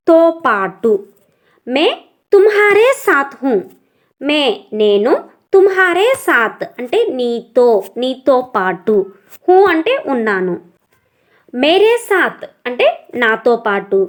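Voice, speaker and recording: A woman with a Telugu accent teaching a language lesson, slowly repeating each word and its translation. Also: sits high. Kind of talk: tutorial lesson.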